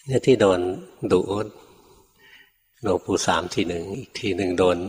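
An older man, a Buddhist monk, telling stories in a dharma talk and acting out his teachers' sharp rebukes. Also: sits low, moderate pace. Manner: animated storyteller, acts out his teachers' rebukes, chuckles often. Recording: long hall reverb.

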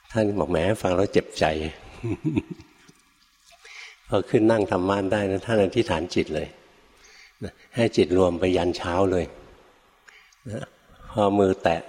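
A man's voice: deep voice, vocal fry, a little mellow. A man, a Buddhist monk, giving a dhamma talk and telling stories to a live audience, often asking them questions. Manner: folksy storytelling with rhetorical questions to listeners. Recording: long hall reverb.

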